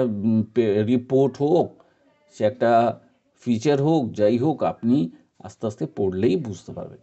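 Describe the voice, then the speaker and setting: A man from India, giving an informal spoken lesson in a patient, encouraging way, with many pauses and fillers. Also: mid-range voice, warm tone. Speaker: teacher giving advice. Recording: dull lo-fi recording.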